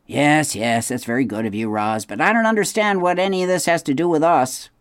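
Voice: medium pitch, fairly quick, dry recording, clean studio sound, voice pushed up, close to an everyday voice. A reader voicing a stubborn, grumbling male beaver and father who mutters and hums while he thinks. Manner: gruff, muttering, hesitant hmms.

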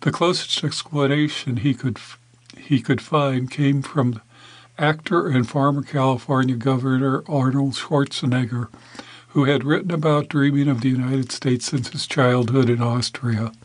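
Male news reader, steady scripted delivery, dry and close, mid-range voice. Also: medium pitch, moderate pace, no room sound. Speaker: news narrator.

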